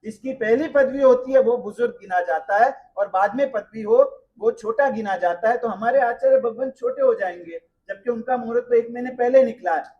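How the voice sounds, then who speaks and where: A man telling stories in a sermon at a memorial gathering. He asks the listeners rhetorical questions and swings between loud and soft delivery. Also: very high voice, normal speed, highs cut off. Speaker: religious speaker at a memorial gathering. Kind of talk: sermon storytelling.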